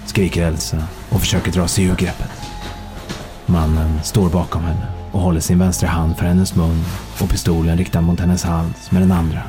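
A man narrating a thriller audiobook in a calm, measured storytelling manner. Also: low-pitched, music in the background.

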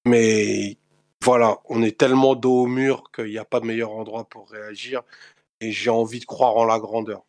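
A man co-hosting a football stream, talking in a measured, analytical way with some fillers. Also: on the low side, little pitch movement, no room sound. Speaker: co-host, football fan. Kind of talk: casual chat.

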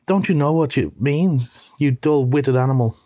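A man reading a storybook voices an impatient, excitable male water rat who scolds and urges. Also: mid-range voice, normal speed, dry recording, natural voice. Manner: urgent, scolding. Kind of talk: audiobook reading.

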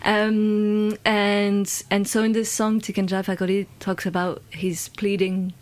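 Hesitant, reflective woman speaking flatly. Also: medium pitch, measured pace. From London. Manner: hesitant, with frequent fillers and restarts. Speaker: guest. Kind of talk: conversational interview.

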